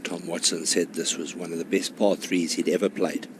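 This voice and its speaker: A man giving measured, informative live commentary as a golf broadcaster. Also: low voice, level tone. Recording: clear background noise, outdoor course ambience.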